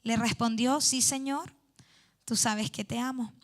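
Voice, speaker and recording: A woman's voice: fairly high pitch, steady tone, a little slow. A woman preaching a youth sermon in church, reading scripture aloud and explaining it earnestly. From Chile.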